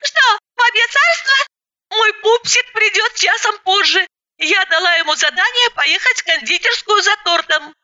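A woman voicing a bubbly, restless woman with a high, ringing, cooing voice. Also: animated, normal speed, bright, forceful tone, lo-fi sound, heavily acted. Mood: chirping.

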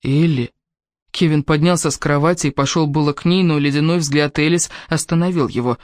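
Male audiobook narrator, fairly high voice, steady, even delivery, dry close recording. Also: fast, dry recording. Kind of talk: scripted narration of a romance novel.

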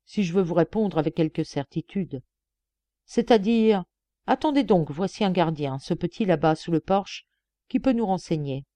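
A woman voicing an excitable, proud male prison director who protests with emphatic indignation. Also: on the low side, moderate pace, dry recording, lightly acted. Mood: obliging.

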